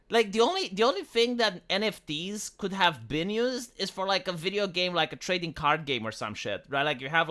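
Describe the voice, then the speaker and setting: A Romanian man chats casually on a livestream, rambling and swearing, often stumbling and starting over. His voice is a little high, pushed and bright.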